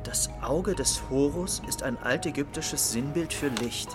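A man's voice: on the high side, a little slow, over music, natural voice. A young man playing a casual, hesitant, slightly clueless schoolboy in naturalistic drama dialogue. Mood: reading out.

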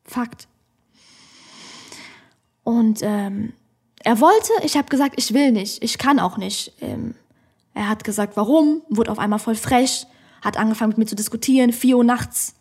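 A woman's voice: on the high side, a little slow, long pauses, slightly rough. A woman comedian telling a personal story on a podcast in a studio, blunt and outspoken.

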